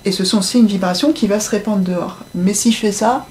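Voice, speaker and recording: A woman voice coach explains how speech works in an interview, acting out example phrases in a range of tones and voices as she goes. Her medium-pitched voice is brisk and a little mellow, with a faint hiss or hum in the background.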